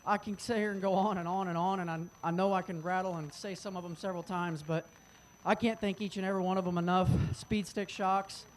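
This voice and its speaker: A man's voice: high voice, steady tone, brisk. A man from Oklahoma, a race driver, speaking off the cuff and plainly in a victory lane interview. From Oklahoma, United States. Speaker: race car driver, winner being interviewed. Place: outdoors on a speedway front stretch. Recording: noisy outdoor trackside sound.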